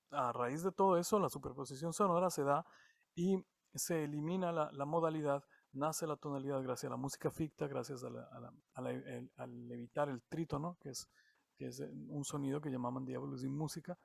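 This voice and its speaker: A man from Latin America giving an online music theory lesson, halting and often repeating words as he explains. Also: on the high side, steady tone, creaky, dry recording, clean studio sound. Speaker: music teacher.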